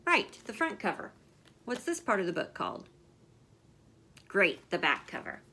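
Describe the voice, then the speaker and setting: Woman, children's story time host, teacher-like encouraging questions, very animated pitch, bright tense tone. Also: normal speed, husky.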